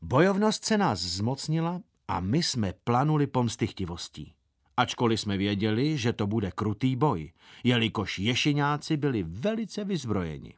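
A man narrating a storybook in a lively, playful voice, with pitch rising and falling freely. His middle-pitched voice carries a light expressive bounce. The recording is dry and close, with no room around it. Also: dry recording. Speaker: audiobook reader.

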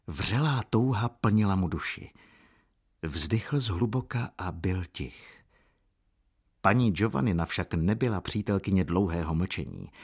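Husky low-voiced male narrator. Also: animated, a little mellow. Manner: measured, unhurried storytelling. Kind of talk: audiobook narration.

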